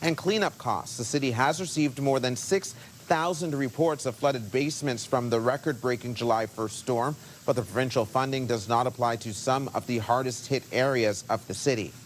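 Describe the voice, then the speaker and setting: A man's voice: mid-range voice, moderate pace, hardly any pauses. Canadian male news anchor, faint background noise. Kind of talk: scripted news narration.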